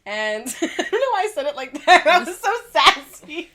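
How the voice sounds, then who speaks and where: Co-hosting a laid-back podcast, this young woman is congested and has a dry throat, yet she laughs a lot and uses lots of fillers. Her high voice is very animated at normal speed. Crowd noise can be heard.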